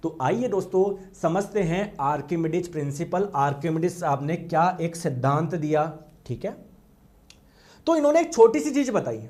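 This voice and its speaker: A man's voice: a little high, big pitch swings, normal speed, darkish tone. A male teacher giving a classroom lecture, often asking the class questions and acting out the students' replies.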